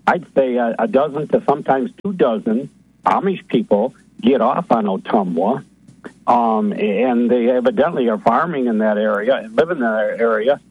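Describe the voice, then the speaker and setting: A man's voice: mid-range voice, husky. Man calling in on a tinny phone line. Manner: halting, with many fillers and restarts. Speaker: caller. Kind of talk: call-in radio talk.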